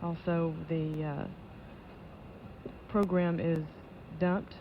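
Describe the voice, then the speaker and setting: A woman giving live launch control commentary as an official announcer, in a measured, matter-of-fact way. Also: lowish voice, little pitch movement. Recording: dull lo-fi broadcast audio with noise.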